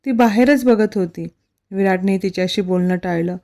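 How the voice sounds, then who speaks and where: A woman narrating a romance story in a steady, expressive reading. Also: medium pitch, normal speed.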